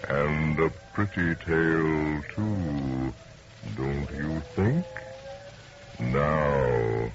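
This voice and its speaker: An actor playing the Devil as a sly, theatrical storytelling host of an old-time radio horror show. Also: male voice, extremely low pitch, over music, heavily acted. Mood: sly, ominous. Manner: slow, theatrical, deliberate. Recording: noisy, dull vintage radio recording.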